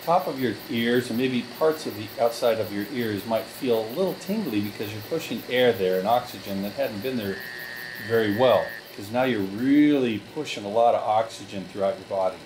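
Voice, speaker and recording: Calm man guiding slow breathing. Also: on the low side, noisy background. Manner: slow, calm step-by-step directions with fillers. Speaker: relaxation group leader. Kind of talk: guided breathing instruction.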